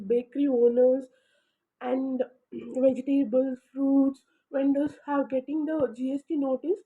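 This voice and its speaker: A woman with a Kannada-accented Indian English, explaining informally to viewers as a host, speaking emphatically in halting short phrases. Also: high-pitched. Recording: thin, narrow phone-like sound.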